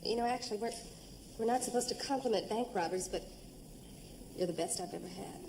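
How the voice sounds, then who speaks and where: A woman's voice: mid-range voice, a little fast, vocal fry, natural voice. A woman playing a prim, melodramatic bank teller in TV sketch comedy, officious and theatrical. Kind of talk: broadcast sketch comedy acting. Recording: noisy old TV studio sound.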